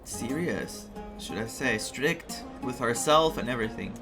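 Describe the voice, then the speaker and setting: A Greek gaming streamer offers casual gameplay commentary, chatty and reactive with hesitant phrasing. The voice is medium-pitched and unhurried with lively intonation, and game music plays underneath.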